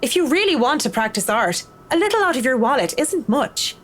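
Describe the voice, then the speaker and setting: A woman's voice: high voice, sing-song, a little fast, voice pushed up. Woman voicing a blunt, cynical designer. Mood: lecturing. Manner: dry, curt and lecturing. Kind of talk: reading a visual novel aloud.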